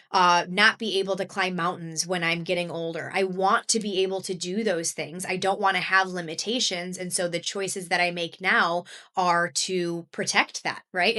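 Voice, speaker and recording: A woman's voice: fairly low pitch, bright, forceful tone. A woman in her thirties hosting a solo podcast, talking casually and upbeat, with many fillers and frequent laughs. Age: 30s. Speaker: podcast host and health coach.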